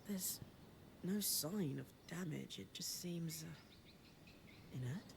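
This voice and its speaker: An actress playing a dry, teasing female companion in a video game, speaking softly and wryly. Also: slow, creaky, exaggerated voice. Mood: puzzled. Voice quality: soft, low-key and wry. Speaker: game character. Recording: game audio with noise behind.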